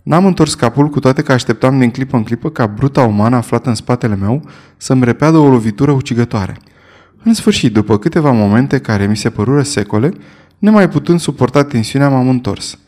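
Male audiobook narrator, steady first-person delivery, mid-range pitch.

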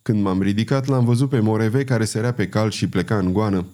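A man voicing an anxious, earnest young male monk in an audiobook reading, speaking in a hurried, distressed way. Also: on the low side, warm tone, natural voice.

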